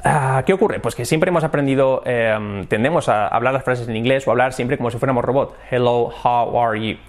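A man with a Spain Spanish accent gives a casual lesson as an English teacher. His voice sits at an ordinary middle pitch. He talks in an animated way and is used to switching tones to demonstrate phrases. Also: a little fast.

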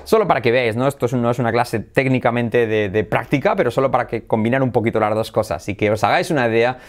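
A young man giving a casual online English pronunciation lesson, lively, with fillers and self-corrections, jumping into high exaggerated English examples. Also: quick pace.

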